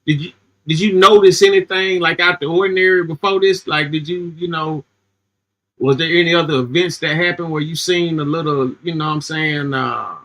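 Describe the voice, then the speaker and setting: Bright-voiced man asking halting questions. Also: a little high, steady tone, poor audio. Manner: halting, hesitant questions with many fillers. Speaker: host. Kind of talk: casual interview chat.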